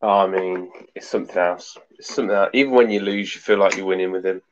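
A man's voice: sits low, steady tone, fast talker, dull audio, a little hiss or hum. A man guest in casual chat, blunt and pessimistic, his voice echoey and distant as if in a cave. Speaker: podcast guest.

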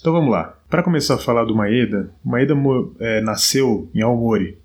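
A man with a Brazilian Portuguese accent hosting a solo podcast, explaining at length in a relaxed way, with frequent fillers. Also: mid-range voice, moderate pace, breathy edge. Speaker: podcast host. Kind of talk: solo podcast talk on martial arts history.

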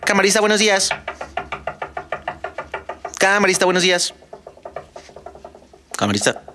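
A man's voice: sing-song, a little slow, music in the background. A man doing a sing-song hotel housekeeper. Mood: sing-song calling. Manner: sing-song repeated call, raised pitch.

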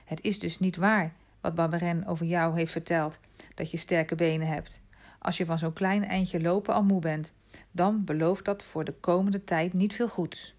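A stern yet kindly older showman speaks firmly and then coaxes gently, with a low, grounded voice in a read-aloud storybook, as a woman narrator puts him on. His tone stays resolute but never harsh. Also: fairly even intonation, moderate pace. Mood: reproachful. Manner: firm, then gently persuasive.

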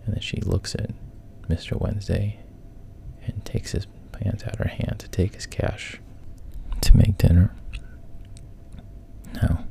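A man tells a story casually in a hushed, halting manner, frequently sinking to a whisper. His voice is gravelly and breathy, sitting on the low side with a steady tone, and there's slight background noise.

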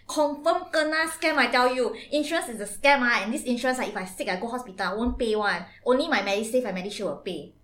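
A woman's voice: a little high, fast talker, fairly bright tone, natural voice. A woman playing a bossy, know-it-all middle-aged auntie in a comedy sketch, lecturing insistently in clipped Singlish with a Singaporean accent.

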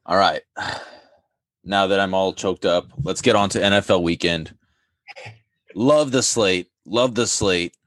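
Casting: very low-voiced male sports co-host, relaxed and halting, dry close sound. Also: no room sound. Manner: easygoing, halting, with frequent fillers. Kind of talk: casual sports chat.

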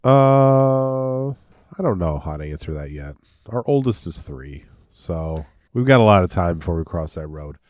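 A man in his thirties with a deep voice, congested from a cold, co-hosting a podcast. His humor is dry and self-deprecating. The sound is close and dry, with no room echo. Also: expressive, unhurried, a little mellow. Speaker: podcast co-host. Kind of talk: casual chat. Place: home basement studio.

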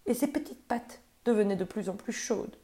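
A woman storyteller reading a children's story aloud in a gentle, expressive way. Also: medium pitch, normal speed.

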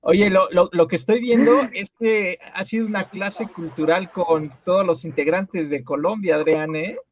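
A man's voice: sits high, moderate pace, muffled recording. A Mexican man with a Mexican Spanish accent, hosting a casual group chat and asking lots of curious questions, with hesitant restarts. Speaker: host.

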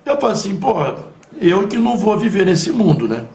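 A man with a Carioca accent recounts his football youth in a lively, slang-heavy conversational style, his voice sitting a bit higher than most men's. He is recorded in a roomy space with a noticeable echo around his voice. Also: brisk. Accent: Carioca Brazilian Portuguese. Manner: animated, slangy storyteller with many asides. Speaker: former footballer guest. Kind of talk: conversational storytelling interview.

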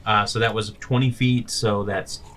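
Game master, male, low voice, casual tabletop narration, slightly off-mic with faint noise. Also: steady tone, normal speed, far from the mic.

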